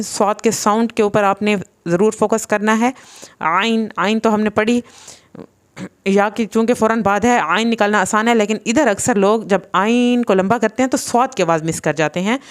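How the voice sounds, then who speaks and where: A woman teaches Quran recitation rules. Her voice is smooth and clear, at a middle pitch. She explains patiently and draws each letter sound out slowly. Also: steady tone. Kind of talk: tajweed lesson.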